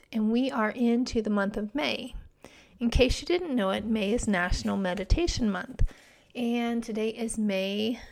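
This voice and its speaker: Woman, podcast host, mid-pitched, creaky voice, introductory talk to listeners.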